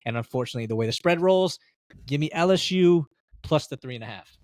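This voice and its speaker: A man's voice: on the high side, animated, quick pace, a little mellow, dry recording, clean studio sound. A man co-hosting a sports podcast, talking in a chatty, storytelling way and laughing easily. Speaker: podcast co-host. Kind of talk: casual sports chat.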